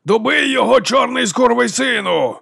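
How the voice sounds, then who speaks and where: Brief: a man doing a furious gambler ringside, high yelling voice, dry sound. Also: animated, normal speed, vocal fry, slightly rough, no room sound, exaggerated voice. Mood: angry yelling. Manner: shouting, scolding, high-pitched. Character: loud hot-tempered male gambler.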